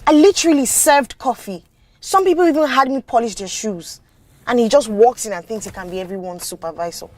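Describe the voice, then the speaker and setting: An actress playing a driven, stern manager who speaks in a sharp, scolding way. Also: female voice, on the high side, expressive, brisk, close to an everyday voice. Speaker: company manager.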